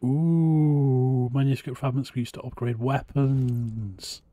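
A man's voice: mid-range voice, fairly even intonation, unhurried, a little mellow, no room sound. A man streaming a game, giving casual live commentary to his viewers.

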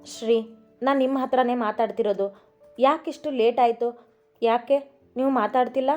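A woman's voice: on the high side, steady tone, normal speed, lightly acted. A woman voicing an anxious young wife who fires off pleading questions at her husband in a story reading. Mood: upset. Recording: dull recording with soft music.

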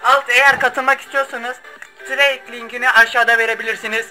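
Very high, bright-voiced excitable young man. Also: fairly quick, faint music behind, low-quality recording. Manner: excitable, swears, pleads and shouts while betting. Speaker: gaming video host. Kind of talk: live gambling-site commentary.

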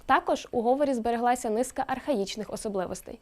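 A woman presenter reads a scripted explainer with a slightly raised pitch. She keeps it lively and throws in emphatic rising questions. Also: fast, background noise. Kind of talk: scripted educational narration.

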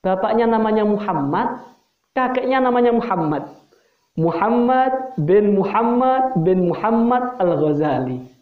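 Man preaching, says things twice for emphasis, echoey tinny recording. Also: sits high. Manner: emphatic, repeats key phrases, addresses listeners directly. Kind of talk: religious sermon.

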